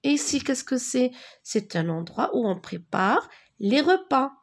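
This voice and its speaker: A woman's voice: high voice, animated, a little slow. A woman teaching a beginners' French reading lesson, carefully spelling out letters and syllables, with Arabic as her first language.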